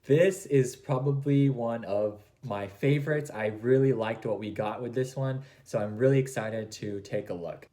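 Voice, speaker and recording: A man's voice: mid-range voice, normal speed, few pauses, warm tone. A man giving casual, gushing fan commentary as a video host, rambling along with plenty of fillers. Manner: enthusiastic, gushing.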